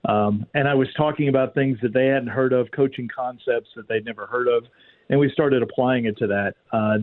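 A man's voice: mid-range voice, no echo. A man being interviewed as a guest on talk radio over a tinny phone line, speaking candidly with many filler words. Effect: tinny phone line on a talk radio broadcast. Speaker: guest firearms and martial arts instructor. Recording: narrow phone-line sound, dry.

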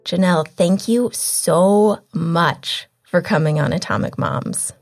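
A woman in her thirties hosts a podcast in a relaxed, chatty way, full of little fillers as she talks. Her voice sits a touch low and sounds slightly hoarse, as if she is losing it. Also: slow, soft background music. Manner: chatty, informal, with frequent filler words. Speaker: podcast host. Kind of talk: casual podcast chat and interview.

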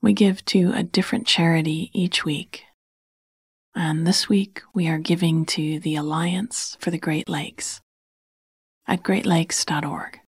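A woman speaks in a hushed, airy half-whisper, unhurried and calming. Her voice is low and gravelly at the edges. The sound is close and dry, with no room around it. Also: no room sound. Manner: slow, soothing, gentle. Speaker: sleep podcast host and storyteller. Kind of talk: soft bedtime story narration.

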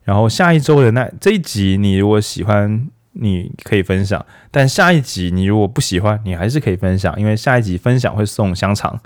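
Male host, low-pitched, casual and jokey, for a book podcast. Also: fairly quick, hardly any pauses. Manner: chatty, animated, jokey rhetorical questions. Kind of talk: casual book review talk.

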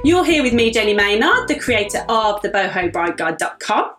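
British female podcast host, fairly high and animated, music underneath. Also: normal speed. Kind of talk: scripted podcast introduction, then interview chat.

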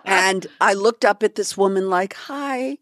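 A woman's voice: medium pitch, moderate pace, no room sound, studio quality. A woman from California co-hosting a podcast, telling a story in casual chat and acting out the people in it. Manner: animated storyteller who acts out quotes. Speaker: podcast co-host.

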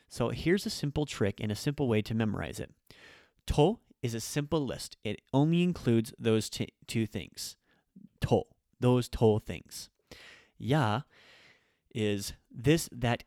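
A native English-speaking language teacher, a man with a medium-pitched, somewhat dark voice, hosts a casual grammar lesson. He chats his way through examples and corrects himself as he goes. The recording is dry and studio quality.

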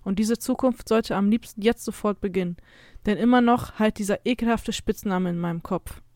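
A woman's voice: medium pitch, normal speed, a little mellow, dry recording. Woman reading a story, dry close sound. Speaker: narrator. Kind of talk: scripted first-person story reading.

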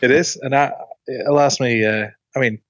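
A man's voice: mid-range voice, fairly even intonation, normal speed, a bit bright, no echo, muffled recording. A middle-aged man trades casual banter as a podcast co-host. He has a mid-range voice and a hesitant, dryly joking delivery, captured with a tight, dry sound. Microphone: online call, dry sound.

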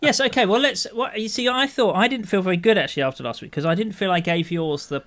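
A man's voice: high-pitched, quick pace, a bit bright. A man with a British accent chatting casually as a podcast co-host, often restarting his phrases, with dry humour. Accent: British English. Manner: hesitant, self-correcting, dry humour.

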